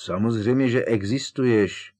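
A man's voice: medium pitch, darkish tone, natural voice. A man voicing a sensible, puzzled teenage wizard boy who presses his friend with incredulous questions.

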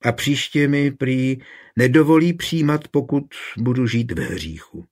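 A man's voice: medium pitch, a little mellow, pitched above the performer's own voice, natural voice. A man voicing an anxious, devout young village woman who pleads in a raised, fretful voice. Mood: worried.

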